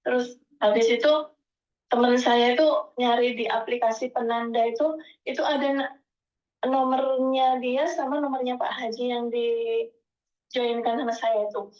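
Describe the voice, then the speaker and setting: A woman from Indonesia, a migrant domestic worker, tells her own story with feeling. She acts out the dialogue lively and keeps calling her listener Miss. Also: fairly high pitch, normal speed, long pauses, highs cut off. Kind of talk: emotional first-person storytelling.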